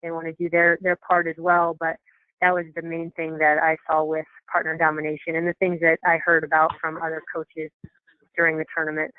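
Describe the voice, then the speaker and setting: Over a tinny, echoey telephone conference line, a program coordinator gives coaches an informal, matter-of-fact briefing that explains things in a meeting presentation. The voice is medium-pitched, completely flat and fairly quick.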